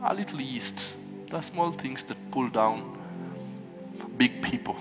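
A man's voice: mid-range voice, lively intonation, unhurried, over music. A middle-aged man with an East African accent preaching a church sermon, exhorting with rhetorical questions and repeated refrains. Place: church hall, speaking from a pulpit on stage.

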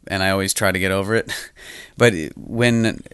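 A male podcast host with a fairly low, smooth, resonant voice, dropping short reactions and asking his guest probing questions. The sound is close and dry. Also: steady tone, normal speed, fairly bright tone, dry recording. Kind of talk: casual interview.

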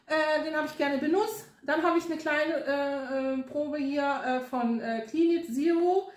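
A woman's voice: sits high, unhurried. A woman co-hosting a casual chat among friends, laughing often and stumbling over fillers. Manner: laughing, hesitant with many fillers. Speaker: co-host. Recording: echoey room.

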